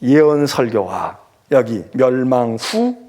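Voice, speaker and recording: A male pastor giving an animated sermon that he teaches through rhetorical questions. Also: mid-range voice, takes it slowly. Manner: animated, acts out scolding and comforting voices; asks the congregation rhetorical questions.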